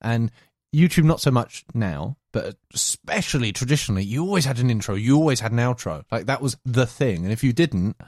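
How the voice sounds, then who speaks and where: A man's voice: mid-range voice, brisk, few pauses, dry recording. Guy rambling on a podcast, lots of likes and ums, dry close sound. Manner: animated, rambling with fillers. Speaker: podcast guest. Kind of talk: casual chat.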